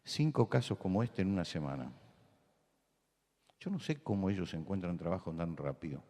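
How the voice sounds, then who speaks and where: An older Argentine man with a Rioplatense accent preaches in a conversational, storytelling way that builds to emphatic points. His voice sits very low. The sound carries a long church-hall reverb. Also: animated, normal speed, warm tone. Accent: Rioplatense Spanish. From Buenos Aires, Argentina. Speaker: pastor. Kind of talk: sermon.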